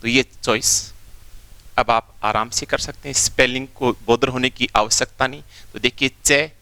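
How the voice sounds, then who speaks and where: A male teacher giving an online exam-prep lesson, repeating key points and slowly breaking words into their separate sounds. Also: medium pitch, steady tone, pushed and bright, no echo. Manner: slowly spells out sounds one by one.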